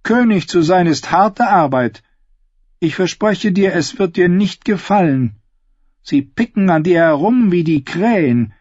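A man's voice: high-pitched, lively intonation, a little slow, darkish tone, breathy edge, dry recording, highs cut off, voice pushed up, heavily acted. A man voicing a cold, scornful middle-aged queen mother in an audiobook reading, speaking in an imperious, contemptuous manner. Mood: weary, bitter.

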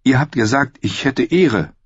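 Man doing high, pleading young woman knight, awkward and earnest, low-fi dry read. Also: expressive, measured pace, breathy edge, dry recording. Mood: earnest, unsure. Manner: pleading, insistent questions. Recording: dry, slightly dull studio audio.

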